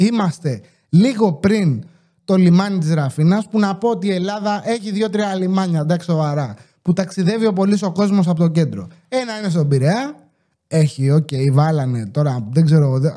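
A man with a high-pitched but soft, mellow voice rambles through a comic story for his podcast. He swears freely and slips into the voices of the people he quotes. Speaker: podcast host.

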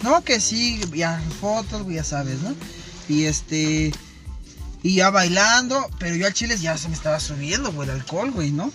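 A young Mexican man trades crude, slangy banter, tacking güey onto nearly every phrase. His voice is high and swings widely, with clear music playing behind him. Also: lively intonation, moderate pace. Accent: Mexican Spanish. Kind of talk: casual chat.

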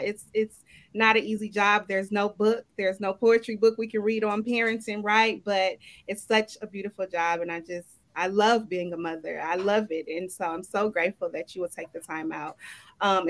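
A woman poet who thanks the host warmly and then recites her own poem in a slow, rhythmic way. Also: mid-range voice. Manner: emotional, grateful, rhythmic recitation. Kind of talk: casual chat and poetry reading.

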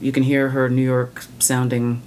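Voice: mid-range voice, monotone, normal speed, darkish tone. An opinionated music podcast host reading prepared commentary, with wry, blunt casual asides.

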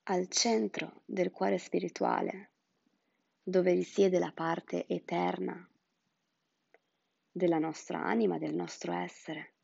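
A woman guiding a meditation in a soft, soothing, breathy voice that often drops into a whisper. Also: lowish voice, no echo, highs cut off. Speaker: meditation guide. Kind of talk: guided chakra meditation.

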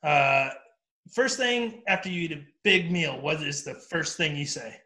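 Bright-voiced, bossy radio game host. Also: male voice, a little high, lively intonation, measured pace. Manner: bossy, teasing, swears freely. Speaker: radio show host running a word game. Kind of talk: casual joking banter. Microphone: studio microphone.

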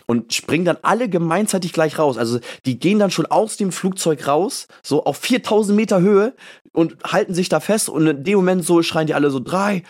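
A man co-hosting a podcast, telling a story casually and animatedly, filling his speech with little tags and acting out his own thoughts. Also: on the high side. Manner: acts out his own thoughts as quoted lines. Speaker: podcast co-host.

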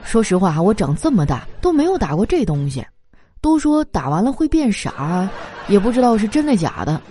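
A woman telling comic stories in a lively, animated way, laughing through her punchlines. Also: medium pitch, normal speed, slightly rough. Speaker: comedy monologue performer. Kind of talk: stand-up style comic storytelling.

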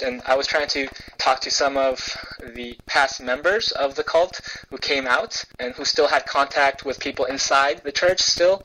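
Soft-spoken young male reporter, thoughtful. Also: medium pitch, rough recording. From South Korea, raised in the US. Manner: thoughtful, frequent fillers and restarts. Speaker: journalist guest. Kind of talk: conversational interview answers.

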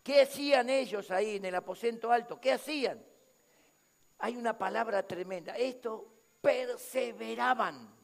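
Brief: Rioplatense pastor, emphatic preaching, unusually high voice for a man. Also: moderate pace, creaky. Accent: Rioplatense Spanish. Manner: emphatic, addresses the congregation directly. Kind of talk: sermon.

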